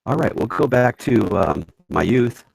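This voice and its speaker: Older guy in his 60s on a live call, deep gravelly voice, calm and measured. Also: dry recording. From United States. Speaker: guest. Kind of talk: casual interview over a live call. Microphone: online call mic.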